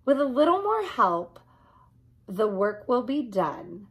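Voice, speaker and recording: A woman's voice: on the high side, big pitch swings, takes it slowly, breathy edge, full character voice. A woman voicing a big, boastful, cheerful storybook cat with a showy, emphatic manner. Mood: reassuring, confident. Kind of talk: storybook character reading.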